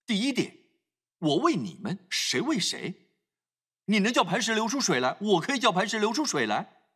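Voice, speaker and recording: A man's voice: high voice, wildly swooping pitch, normal speed, fairly bright tone, breathy edge. A man preaching a sermon, emphatic, acting out scripture scenes as he talks.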